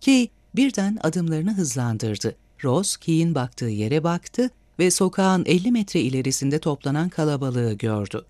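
A man reading a novel aloud as an audiobook narrator, with measured, expressive storytelling. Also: fairly high pitch, dry recording, studio quality. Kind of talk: scripted narration.

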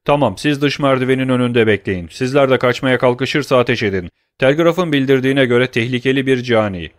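A man's voice: medium pitch, a little fast, no echo, clean studio sound, natural voice. A man voicing an officious gendarme corporal in an audiobook, barking orders. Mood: commanding. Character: gruff commanding gendarme corporal.

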